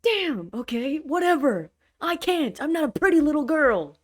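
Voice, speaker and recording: A woman's voice: fairly low pitch, lively intonation, moderate pace, a little mellow. A woman voicing a defensive, swearing adult male drug dealer who rambles as he justifies himself.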